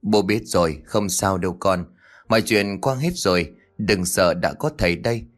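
Man voicing a gentle, soothing father in an audio ghost story, low voice. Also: normal speed, natural voice. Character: comforting village father.

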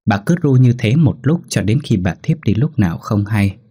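A man tells a ghost story in a measured, somber way. His voice sits low and sounds husky. The delivery is scripted storytelling. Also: lively intonation, mellow.

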